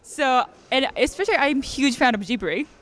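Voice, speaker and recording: A bubbly actress from Japan with a Japanese accent, speaking with simple phrasing. Her pitch leaps lively and sits a bit high, close on a handheld mic. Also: fairly quick.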